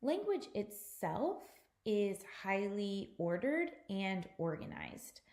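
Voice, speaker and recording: A woman instructor talks through a recorded mini lecture at a mid-range pitch. She explains patiently and speaks straight to her students. The room gives her voice a noticeable echo. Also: sing-song, slow, a little mellow. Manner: patient explanatory teaching, addressing students directly. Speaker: course instructor.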